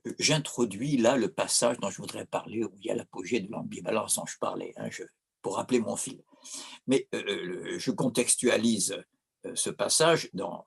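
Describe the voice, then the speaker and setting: Corsican guy lecturing on opera, gravelly husky voice, keeps restarting his sentences. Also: fairly low pitch. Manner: digressive, many restarts and hesitations. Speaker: philosophy lecturer.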